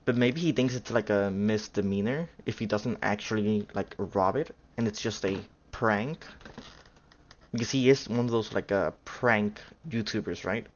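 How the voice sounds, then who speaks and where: Casting: low-voiced guy, meandering reaction streamer, lo-fi mic. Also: moderate pace. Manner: rambling, unsure, full of fillers and self-corrections. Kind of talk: casual reaction commentary.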